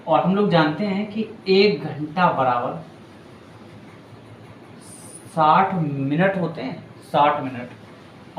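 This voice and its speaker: A man with a fairly high voice explains a physics problem step by step, in a patient and chatty way that keeps checking in with his students. The room is roomy and echoey, with a faint hiss of noise underneath. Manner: patient, chatty, addresses students as bhaiya and beta. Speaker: physics teacher. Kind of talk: board lesson explaining a numerical.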